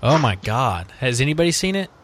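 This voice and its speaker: A man's voice: medium pitch, big pitch swings, a little fast, a bit bright. A man hosting a casual podcast chat, rambling and joking, often laughing mid-sentence. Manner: rambling, jokey, laughs a lot. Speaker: host.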